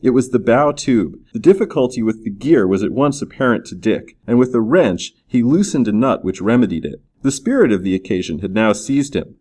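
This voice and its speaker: A man narrating an adventure story in an expressive, storytelling manner. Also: mid-range voice, brisk, few pauses. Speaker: audiobook narrator. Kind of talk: scripted narration.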